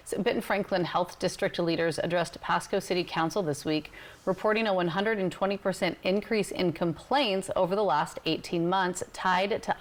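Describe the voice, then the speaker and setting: Lower-pitched American woman news anchor. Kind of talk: scripted news reading.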